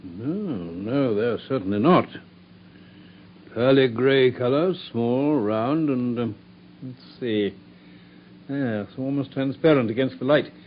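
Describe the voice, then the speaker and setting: A man's voice: medium pitch, slow, natural voice. Guy doing a mild english doctor, obliging, bit hesitant, old radio drama, muffled sound. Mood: thoughtful. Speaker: radio actor. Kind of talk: mid-century BBC radio drama acting. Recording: muffled, faintly noisy old radio recording.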